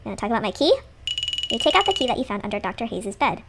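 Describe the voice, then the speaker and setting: A woman's voice: a little high, sing-song, very fast. A woman chatting casually as she plays a game, commenting on herself. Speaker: let's play host. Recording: loud background noise.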